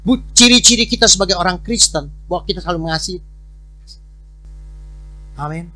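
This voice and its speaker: A man, a pastor, giving an informal sermon to his congregation, often repeating words and swinging between loud and soft. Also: high-pitched, a little fast, no echo. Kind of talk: conversational sermon.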